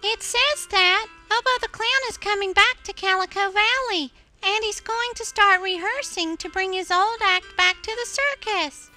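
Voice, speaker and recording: A woman's voice: extremely high pitch, moderate pace, bright, forceful tone, faint music behind, heavily acted. A woman voicing a perky, helpful young girl friend in a children's cartoon, chirpy in manner.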